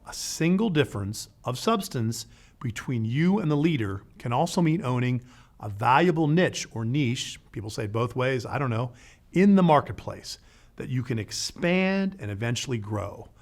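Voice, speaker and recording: A man hosting an educational show, narrating a script in a lively way with playful asides. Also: mid-range voice, normal speed. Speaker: podcast host.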